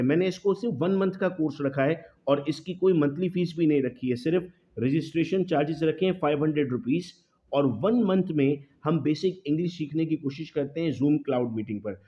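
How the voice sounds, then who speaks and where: Slightly high-voiced male teacher. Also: warm tone. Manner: slows down to read English example sentences word by word; addresses students as "beta". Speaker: English teacher. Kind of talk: video lecture. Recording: slightly dull lo-fi audio.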